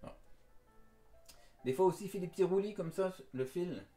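A man's voice: high voice, moderate pace, mellow, echoey room, faint music behind. A man born in France with an accent between Parisian French and Québécois, casually talking a live stream chat through threading a pearl necklace, often repeating words as he works and switching to simple English. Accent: mix of Parisian French and Québécois. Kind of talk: live-stream craft tutorial, reading chat aloud.

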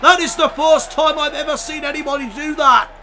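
A man shouting excitable wrestling play-by-play commentary over a video game, straining his voice as he goes. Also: very high voice, brisk, a faint crowd, slight background noise. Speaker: YouTube gaming commentator.

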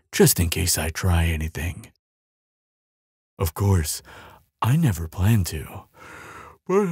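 In an intimate ASMR audio roleplay, a man plays a gentle, affectionate giant, murmuring tenderly with soft hums and sighs in a soothing, earnest manner. His exaggerated voice sits on the low side and is slightly rough, recorded at studio quality with no echo.

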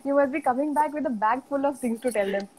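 A woman's voice: sits high, fast, darkish tone, slightly rough, rough recording. A woman hosting a live online chat, asking follow-up questions and greeting viewers. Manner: brief listening sounds, friendly follow-up questions. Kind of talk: casual live interview.

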